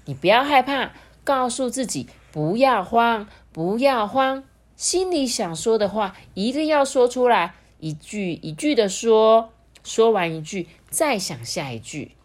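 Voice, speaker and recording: A woman voicing a kind woman doctor in a children's storybook, speaking slowly and encouragingly. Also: a little high, expressive, voice pushed up. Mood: reassuring. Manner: reassuring, slow, encouraging.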